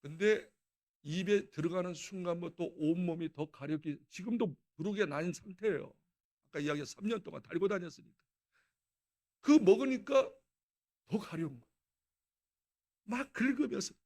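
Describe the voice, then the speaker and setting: A male pastor with a notably high-pitched voice tells a personal testimony during a dawn prayer service. He preaches in an animated, storytelling way, often breaking into laughter. The sound is that of a church sanctuary. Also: normal speed, long pauses.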